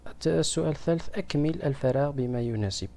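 A man's voice: a little high, racing, creaky, dark tone. A man, a primary school teacher, patiently going through a grammar exam with children and asking them questions.

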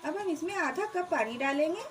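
Over a noisy background, a woman with a high, expressive voice briskly narrates a step-by-step cooking demonstration in her home kitchen. Hosting her cooking channel, she explains each step of a home recipe plainly and calls her viewers friends.

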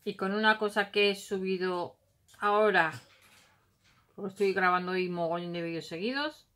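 Her pitch is medium, her pace moderate and her tone fairly bright. This middle-aged Spanish woman, with a Basque Country accent, casually narrates a craft haul at her table at home, thinking out loud and humming in between.

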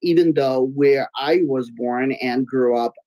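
A Belarusian guest artist whose native tongue is Russian talks unhurriedly in an extremely low, slightly nasal voice during a casual interview. Giggly and expressive, she sometimes gets loud. The webcam audio from her home room is poor, with no room sound.

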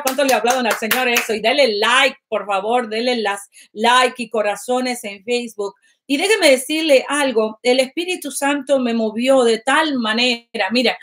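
High-voiced woman preaching fervently. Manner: fervent, prays aloud and addresses online viewers directly. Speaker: prophet and worship leader. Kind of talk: live-streamed prayer and preaching.

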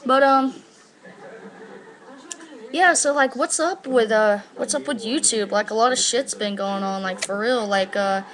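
A woman's voice: fairly high pitch, measured pace, long pauses, fairly bright tone, slight background noise, poor audio. An eighteen-year-old woman chatting casually and slangily to camera, rambling and swearing, on a laptop microphone. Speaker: vlogger. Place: living room at home, indoors. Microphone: laptop built-in microphone at arm's length.

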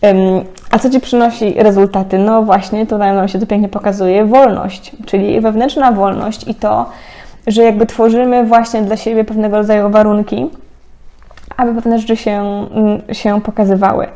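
Chatty woman with a mellow voice. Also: mid-range voice, flat delivery, normal speed. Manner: chatty, laughs often, many fillers. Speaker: tarot card reader. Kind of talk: casual spiritual card-reading talk.

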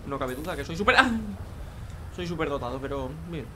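A man's voice: mid-range voice, very animated, fast, bright, forceful tone, slight background noise. A young man, joking crudely and chatting casually as he plays a racing game. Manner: joking, crude, talks to himself and viewers. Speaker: gaming youtuber. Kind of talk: casual gameplay commentary.

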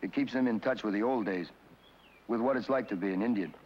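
A man's voice: on the low side, fast, a little hiss or hum. A middle-aged man talking in a plain, reflective, conversational way in an old documentary interview, heard from a worn tape copy. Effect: worn tape copy of an old film soundtrack. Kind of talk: documentary interview, casual talk. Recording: dull, echoey worn tape over music.

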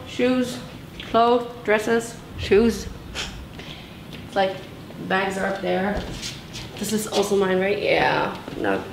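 A woman's voice: medium pitch, gravelly. Young woman, casual vlog chat, rambling and upbeat, handheld camera, echoey room. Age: young adult. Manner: bubbly, rambling, lots of "like" and "so cool". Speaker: vlogger giving a house tour. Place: large tiled bedroom and bathroom indoors. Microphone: handheld camera, speaker moving around. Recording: echoey room with background noise.

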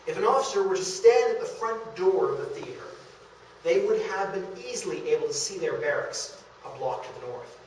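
The speaker at this live illustrated history talk is a man with a high-pitched, animated, slightly mellow voice at normal pace. He addresses an audience in a historic house's meeting room, recorded from afar by a camera in the crowd, with heavy echo and faint noise.

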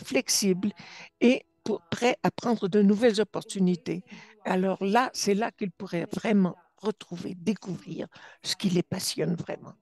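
A woman giving simultaneous interpretation for a webinar, halting and often restarting or correcting herself mid-phrase. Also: medium pitch, vocal fry, darkish tone, no room sound.

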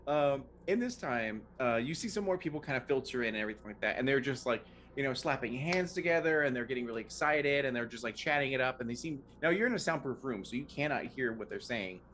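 A man's voice: mid-range voice, expressive, fast, hardly any pauses, fairly bright tone, a little hiss or hum. A man running a tabletop role-playing game as game master, narrating the scene in a loose way with many fillers.

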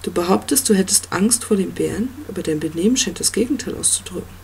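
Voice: medium pitch, lively intonation, quick pace, gravelly, darkish tone, slight background noise. A reader voicing an ancient commanding tree monster. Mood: dry, probing. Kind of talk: audiobook reading.

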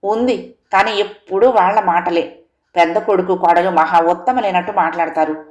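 A woman's voice: moderate pace, roomy sound, lightly acted. A woman voicing a young, resentful daughter-in-law who talks back in a raised, complaining voice. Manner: sharp, raised, complaining pitch.

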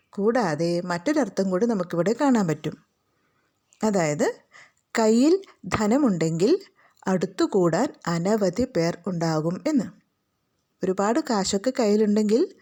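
A woman's voice: mid-range voice, mellow. A woman teacher with a Malayali accent reads a school lesson aloud and explains it to children, asking them questions as she goes.

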